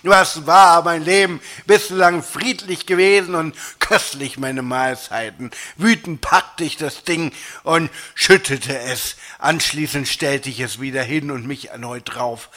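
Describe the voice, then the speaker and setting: A man narrating a humorous story aloud in a lively, expressive way. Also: medium pitch, unhurried.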